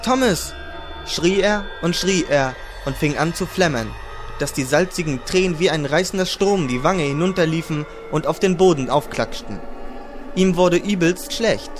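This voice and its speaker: A man reading a fantasy audiobook in steady, dramatic storytelling, with music behind him. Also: on the high side. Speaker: audiobook reader. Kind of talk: scripted fantasy audiobook narration. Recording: background music under the narration.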